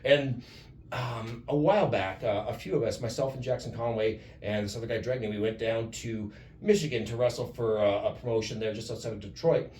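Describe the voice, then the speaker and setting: A man from Canada, a guest wrestler, telling lively stories with plenty of swearing in a casual interview. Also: medium pitch, a little fast, distant mic, slight background noise. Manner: animated storyteller, swears freely. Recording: roomy, off-mic with faint ambience.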